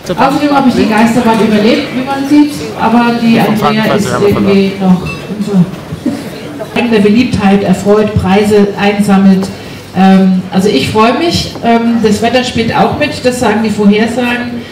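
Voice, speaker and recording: A woman's voice: mid-range voice, fairly even intonation, moderate pace. A middle-aged woman giving informal press conference remarks into a handheld microphone. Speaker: speaker at a fair press conference. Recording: distant echoey event microphone, clear noise.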